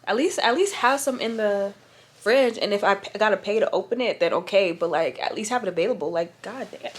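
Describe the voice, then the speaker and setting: Slight background noise accompanies a young adult woman talking a little fast in a mid-range voice. In her fashion vlog she is chatty, relaxed and full of slang, addressing her audience directly.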